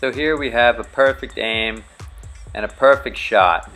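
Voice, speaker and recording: Young Bahamian-born man explaining calmly. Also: medium pitch, a little slow, faint music behind. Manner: calm, step-by-step explaining. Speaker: charter fishing captain, spearfishing instructor. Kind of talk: instructional voice-over.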